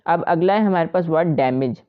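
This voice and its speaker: A woman's voice: low voice, normal speed, smooth, lo-fi sound. A woman teaching shorthand step by step, patiently repeating each point to her students. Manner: patient, repetitive explaining to students. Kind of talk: step-by-step tutorial.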